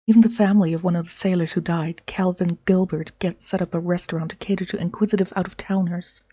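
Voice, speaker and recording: A woman narrates written notes from a game, reading them aloud. Her voice is dark and rough-edged, with very little room sound around it. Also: on the low side, fairly even intonation, fast, dry recording. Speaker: gameplay narrator.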